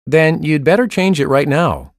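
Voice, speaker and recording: A man voicing the male parts of a school listening test with clear, evenly paced delivery. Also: fairly high pitch, lively intonation, normal speed, dry recording. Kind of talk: scripted test dialogue reading. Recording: dry studio recording.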